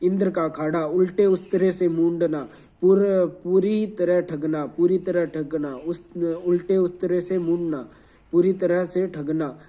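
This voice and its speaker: A male teacher running a quick revision lesson, repeating answers, quizzing the class and spelling words letter by letter. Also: sits high, fairly even intonation, mellow.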